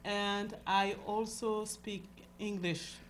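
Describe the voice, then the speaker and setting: A woman's voice: mid-range voice, flat delivery, slow pace, slight background noise. A middle-aged woman raised in France with Senegalese roots and Fula as her first language, a guest talking casually and thoughtfully on a talk show. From France, Senegalese heritage. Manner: thoughtful, speeds up when enthused.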